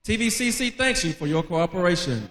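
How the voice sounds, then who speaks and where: A man announcing formally over the public address system in a large gym, slow and deliberate. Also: sits high, big pitch swings, a bit bright. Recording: echoey gym PA from far off.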